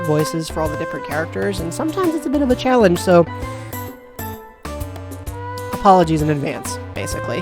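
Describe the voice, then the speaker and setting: Casual game host: young woman, chatty and self-deprecating, fairly low voice that bounces around a lot, music under her. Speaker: gaming video host. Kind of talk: casual let's-play commentary.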